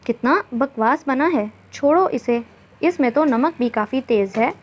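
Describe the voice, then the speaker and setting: A woman's voice: high voice, animated, unhurried. A woman voicing a playful, teasing young husband in a storybook reading. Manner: teasing, affectionate. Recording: dull lo-fi recording.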